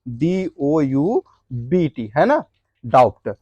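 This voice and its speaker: A man's voice: a little high, big pitch swings, extremely slow, a little mellow, breathy edge, dry recording, highs cut off. Male teacher quizzing his class aloud. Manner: asks the class questions and answers them himself; repeats each answer, adds "है ना" after points. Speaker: English teacher. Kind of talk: classroom lesson explaining English words.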